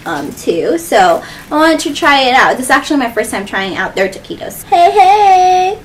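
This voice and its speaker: A woman's voice: high-pitched, fairly bright tone, slight background noise. A woman hosting a casual eating video, chatting playfully between bites. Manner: playful, chatty, with chewing pauses. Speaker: mukbang host. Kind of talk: casual chat while eating.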